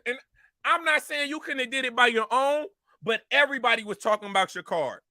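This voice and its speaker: Angry dude going off on a rant, real high voice, dead dry sound. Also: male voice, pushed and bright, no room sound. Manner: angry, repetitive, confrontational. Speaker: commentary show host. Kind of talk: heated rant to camera.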